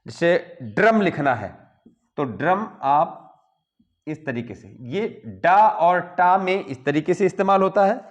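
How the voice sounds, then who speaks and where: A man with a high, expressive voice teaches Hindi grammar at a board, explaining slowly and step by step. Between points he checks in by repeating "ठीक है" ("okay"). The audio is lo-fi.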